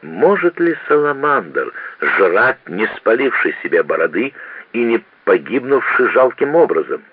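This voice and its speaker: A man's voice: fairly low pitch, sing-song, unhurried, breathy edge, no room sound, narrow, tinny audio, voice pushed up, exaggerated voice. A man doing a blustering, tipsy official. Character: boisterous, combative male official.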